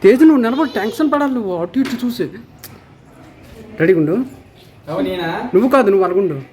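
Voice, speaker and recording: A woman's voice: a little high, lively intonation, fairly quick, mellow, slight background noise. Woman directing actors with repeated cues. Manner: coaxing, repetitive cues.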